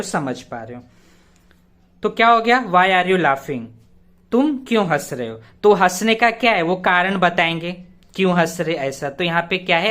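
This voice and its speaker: A man's voice: sits high, fairly bright tone. Male tutor at a board, casual explainer who keeps checking the viewer follows and spells words out letter by letter. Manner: keeps checking in with the viewer and asks himself rhetorical questions. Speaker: English grammar teacher. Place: teaching at a board he writes on.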